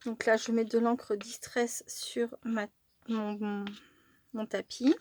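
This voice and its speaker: A woman's voice: fairly high pitch, little pitch movement, slow, very noisy. A woman casually narrating a craft tutorial at her table, thinking aloud with little fillers and self-corrections. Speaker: crafting YouTuber.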